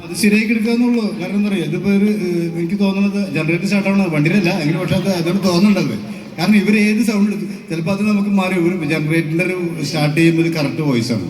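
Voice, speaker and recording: A man hosting a mimicry act on stage, teasing the audience with quick questions. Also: high voice, a little mellow, slight background noise. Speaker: stage mimicry artist and host. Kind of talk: lively stage chat with the audience. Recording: echoey hall with faint music.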